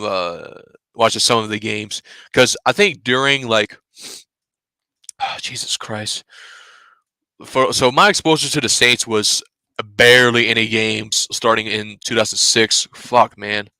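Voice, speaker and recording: Young dude streaming, low-ish smooth voice, dry close mic, swears a lot and keeps sneezing. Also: male voice, measured pace, bright, forceful tone, no echo. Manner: blunt, swears freely, rambling. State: sneezing, stuffy. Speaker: fan channel host. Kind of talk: casual live-stream chat.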